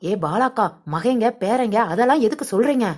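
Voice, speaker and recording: A woman voicing a fussy, excitable village woman in a cartoon who exclaims and complains. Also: a little high, fairly quick. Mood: fretful. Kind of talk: cartoon voice acting.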